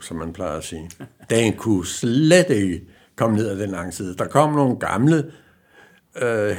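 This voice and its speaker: Gravelly older man telling stories. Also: lowish voice, a little mellow. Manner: anecdotal, halting with many fillers, acts out quoted dialogue. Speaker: former racing driver. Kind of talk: casual storytelling.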